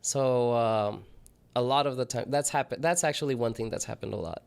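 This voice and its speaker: A man's voice: mid-range voice, fairly quick, vocal fry, a little mellow, clean tone. A man co-hosting a casual podcast, telling laid-back anecdotes with easy laughter and casual swearing. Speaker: podcast co-host. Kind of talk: casual chat.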